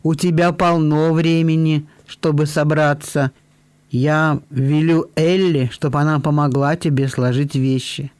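Man voicing a slow-spoken kindly old lady. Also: a little high, little pitch movement, darkish tone, clear, resonant tone, no echo, close to an everyday voice. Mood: surprised, assured. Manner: slow, deliberate, drawn-out speech. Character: kindly, lonely elderly lady, gently fussy.

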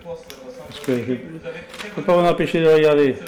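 A man with a somewhat high voice chats casually. He rambles and repeats himself as he goes. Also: a little slow, darkish tone. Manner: rambling, repetitive. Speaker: cycling fan encountered at home.

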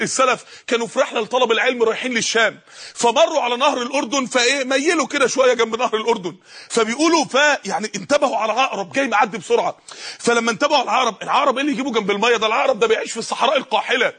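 A man's voice: very high-pitched, very fast, fairly bright tone, slightly rough. A male preacher with an Egyptian accent giving an impassioned sermon, telling stories and rising to cries. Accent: Egyptian Arabic. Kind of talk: emotional sermon.

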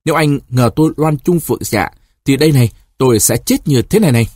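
A distraught young woman , voiced by a male reader, begs and reproaches her lover. Her tone is husky and raised, pleading with an edge of bitterness. The sound is dry and close, as in a storybook reading. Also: medium pitch, animated, fast talker, darkish tone, no room sound. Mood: reproachful.

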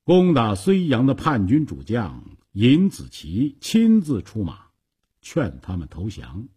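一位男性说书人，以富有戏剧性的广播评书方式讲述故事。. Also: male voice, medium pitch, takes it slowly, slightly rough. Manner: dramatic, animated storytelling. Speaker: storyteller. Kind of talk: radio story narration.

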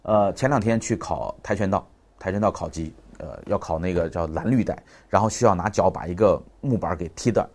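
A man's voice: low-pitched, fairly quick, darkish tone. A man in his thirties giving a public talk on parenting, telling family stories and acting out the dialogue. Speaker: parenting speaker.

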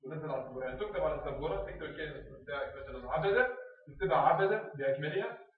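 A man explains a lesson from across a big, echoing classroom. His voice sits a little high and comes through thin and phone-like. He repeats each word slowly, like a drill. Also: expressive. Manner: repeats phrases slowly, drills words aloud. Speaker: teacher trainer. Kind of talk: classroom instruction on teaching reading. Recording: echoey room, far off, phone-like sound.

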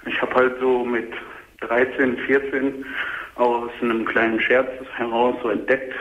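A man's voice: medium pitch, level tone, a little slow. Young man calling in, echoey speakerphone-like line. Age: 20s. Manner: hesitant, many filler sounds. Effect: caller on a phone line that sounds like a speakerphone. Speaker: caller. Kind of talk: caller recounting his story. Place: in a car. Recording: echoey tinny phone line from a car, faint noise.

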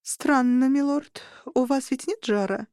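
Weary aristocratic lady marshal, voiced by a woman narrator, higher and sharp. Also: unhurried, no room sound, clean studio sound. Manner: tired, condescending.

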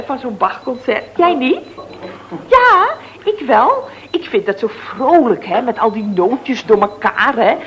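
A chatty scatterbrained phone gossip. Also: female voice, fairly high pitch, rough recording. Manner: rambling, excitable, full of little tag questions. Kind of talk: 1960s radio comedy acting.

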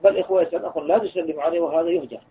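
Talking very fast in a husky voice on the high side, a male Islamic scholar earnestly teaches a religious lesson and recounts a personal tale of admonition. Faint hiss runs under a tinny, phone-like lo-fi recording.

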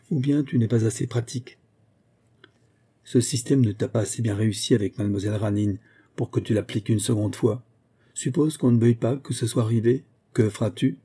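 A man's voice: medium pitch, warm tone, husky, lightly acted. A man voicing a shrewd, impatient woman class mistress who lectures her friend knowingly, in a read-aloud novel. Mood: condescending.

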